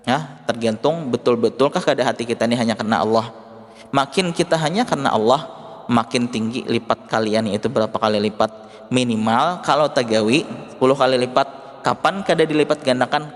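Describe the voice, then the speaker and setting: A male religious teacher giving a study lesson, explaining points and putting questions to his listeners. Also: medium pitch. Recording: long hall reverb.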